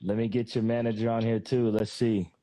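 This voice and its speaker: A man's voice: on the low side, flat delivery, fairly quick, mellow, no echo. A man from Texas hosting a casual podcast interview, laid-back and friendly with lots of filler phrases. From Texas, United States. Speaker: podcast host.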